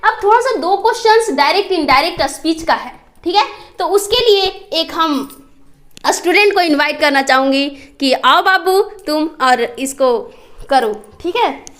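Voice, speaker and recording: Young woman teacher, high voice, keeps asking the class questions, spells stuff out slow. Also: expressive, fairly bright tone. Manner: constantly quizzes students, checks understanding. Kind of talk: classroom lesson.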